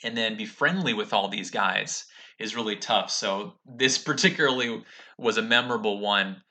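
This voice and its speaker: A man hosting an unscripted talk about golf, with halting, reflective phrasing. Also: lowish voice, pushed and bright. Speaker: host of a golf commentary show.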